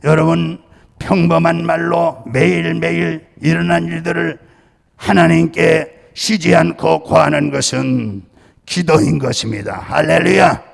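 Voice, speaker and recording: Male pastor from Chungcheong, gravelly, slightly high voice, emphatic sermon delivery in a church with a long echo. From Chungcheong, Korea. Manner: emphatic preaching with repeated calls to believe; jokes with the congregation. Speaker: senior pastor. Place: church sanctuary. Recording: long church-hall reverb.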